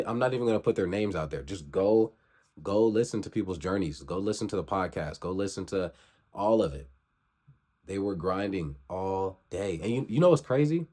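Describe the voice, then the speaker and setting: A man's voice: deep voice, dark tone. A man in his twenties gives a motivational vlog talk, preachy and repetitive, urging viewers to grind. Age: 20s. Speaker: vlogger.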